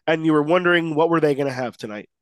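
Racing through excited sports talk, a man co-hosting a podcast sounds a little nasal as his voice gives out, speaking emphatically with many restarts. His fairly high voice is smooth, captured in studio quality without echo.

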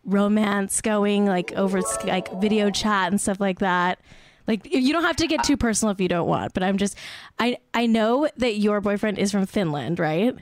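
A woman with a Southern Californian accent and vocal fry, hosting a casual comic podcast chat in a valley-girl drawl. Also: medium pitch, normal speed. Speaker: podcast host.

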